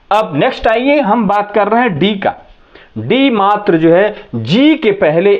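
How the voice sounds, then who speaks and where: A man's voice: on the high side, dull audio. A man teaching English pronunciation, spelling letters out one by one and asking the class rhetorical questions. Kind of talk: classroom-style lesson.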